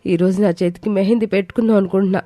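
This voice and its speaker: A woman's voice: mid-range voice, steady tone, rapid-fire, dark tone, dry recording, lightly acted. A woman voicing a young daughter-in-law in a cartoon story who pleads and whines about chores. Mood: whiny. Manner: whiny, pleading.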